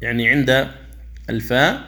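Using a bright, forceful voice at medium pitch, a male teacher walks through Quran recitation rules one by one, slowly and carefully. He stretches each example into chanted recitation and sometimes sets a wrong reading against the right one.

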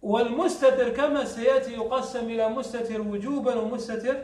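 A man's voice: extremely high pitch, fairly even intonation, fairly quick, a little mellow. A man teaching a classroom lesson on Arabic grammar, often asking a question and answering it himself. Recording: echoey room, mic far off.

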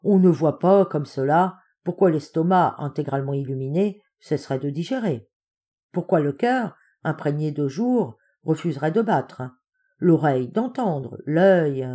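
A woman reading an excitable young man who argues his point with eager, insistent triumph. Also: a little high, unhurried. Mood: reasoning. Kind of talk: audiobook character reading.

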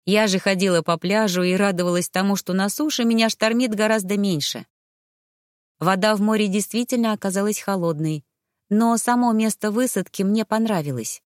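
A woman narrating a first-person fantasy audiobook, expressive and lively in the dialogue. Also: medium pitch, no echo, studio quality.

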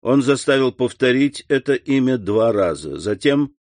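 Audiobook narrator: adult man, measured delivery, mid pitch, dry close sound. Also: lively intonation, a little mellow, no room sound. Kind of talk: scripted narration.

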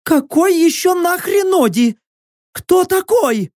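A woman's voice: very high-pitched, animated, slow, darkish tone, no room sound, clean studio sound, voice pushed up, full character voice. A woman voicing a desperate, furious imprisoned creature woman who screams curses and begs to be killed.

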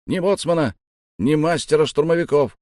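A man reading an audiobook and voicing a short, grumbling male ship navigator with a sharp tongue, pitched well above his own voice. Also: moderate pace, no room sound, studio quality, natural voice.

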